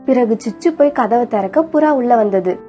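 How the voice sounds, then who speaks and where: A woman's voice: fairly high pitch, normal speed. Woman narrating a sad cartoon story. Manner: sorrowful, steady telling. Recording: dull lo-fi with faint music.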